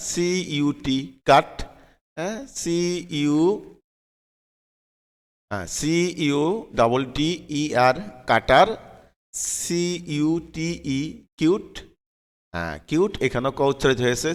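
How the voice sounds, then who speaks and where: Slow, patient man teaching in an echoey room. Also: on the high side, clear, resonant tone. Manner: patient, spells letters slowly and repeats words. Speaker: English pronunciation teacher. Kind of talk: slow spelling-out lesson.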